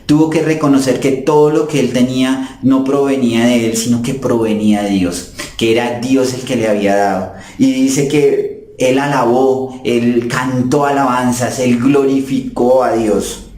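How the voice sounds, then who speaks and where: A man preaches an earnest sermon to his congregation, speaking to them as brothers and sisters. His voice is dark and mellow at a middle pitch. The recording carries a noticeable room echo. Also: steady tone, moderate pace, hardly any pauses. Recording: roomy echo.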